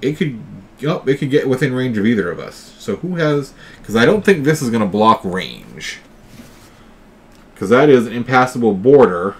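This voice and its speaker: Male host, board game let's play; swings between dramatic readings of game text and casual rules talk, animated pitch. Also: moderate pace. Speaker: host and player.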